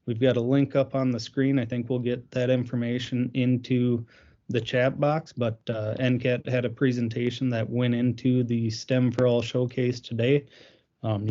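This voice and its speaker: A man's voice: medium pitch, warm tone. A man hosting a webinar, giving an informal introduction and handing over to a presenter. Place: remote online call. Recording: dull, band-limited online call audio.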